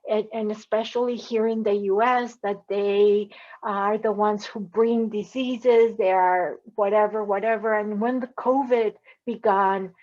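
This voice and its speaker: A woman from Colombia speaks slowly and earnestly in an academic panel talk, with frequent ums and uhs. Her voice comes through dull, lo-fi call audio. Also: mid-range voice, fairly even intonation, a little mellow. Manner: slow, earnest, with many fillers. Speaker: panelist, professor.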